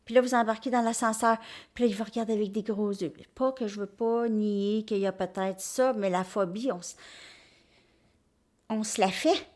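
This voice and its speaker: A woman's voice: medium pitch, steady tone, moderate pace, darkish tone. A woman with a Québécois accent giving a casual, rambling spiritual talk to her viewers as a tarot reader, often checking in with "ok?" and restarting her sentences. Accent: Québécois French. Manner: rambling, repeats "ok?" and "hein", many restarts.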